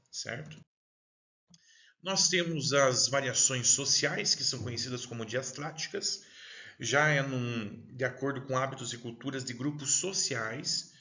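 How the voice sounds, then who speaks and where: A man's voice: medium pitch, vocal fry, sharp tone, lo-fi sound. A male teacher with a Paraná accent giving a recorded class lecture, chatty and digressive, constantly checking in with the listener. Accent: Paraná, southern Brazil.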